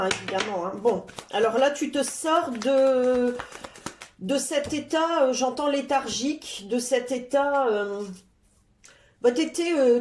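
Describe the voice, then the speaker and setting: A woman giving a casual tarot card reading, chatty and unhurried, with many "euh" fillers. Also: on the high side, a little mellow, roomy sound, a little hiss or hum. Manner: stops to talk to her cat.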